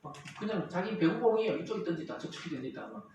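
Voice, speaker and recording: A man preaching a sermon as pastor, animated and acting out the quarrels in character voices. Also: sits high, fast. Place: church sanctuary. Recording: very echoey hall, distant mic, faint noise.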